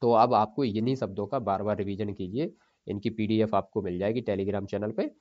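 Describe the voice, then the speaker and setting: A man teaching Hindi spelling for an exam, repeating each word slowly and checking in with his students. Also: fairly low pitch, lo-fi sound.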